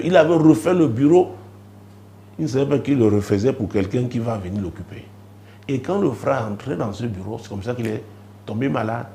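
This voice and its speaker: A man preaching a testimony on a broadcast show, telling a story with dramatic rises and hushed asides. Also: medium pitch. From Cameroon. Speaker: apostle and preacher.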